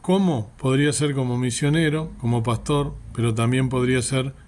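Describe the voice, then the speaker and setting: A man's voice: mid-range voice, steady tone, moderate pace, a little mellow. A man giving an earnest sermon reflection, often asking rhetorical questions. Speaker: preacher.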